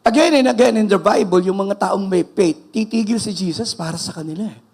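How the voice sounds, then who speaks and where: A man's voice: high voice, a little fast, a little mellow. A man with a Filipino accent preaching a sermon as pastor, emphatic and switching between English and Filipino.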